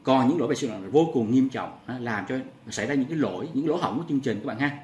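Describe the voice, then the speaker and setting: A man's voice: medium pitch, expressive, fast talker, darkish tone. A male programming teacher walks through a coding tutorial one step at a time, repeating each key press and addressing his viewers again and again. He is recorded in an echoey room with a faint hum of background noise. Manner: talks step by step, repeats key presses, often adds "các bạn ha".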